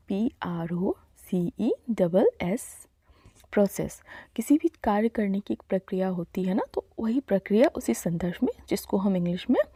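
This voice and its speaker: A woman teaching a vocabulary lesson, speaking slowly and deliberately and spelling each word letter by letter. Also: mid-range voice, dark tone, breathy edge, no echo, studio quality. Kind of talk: Hindi-to-English vocabulary lesson.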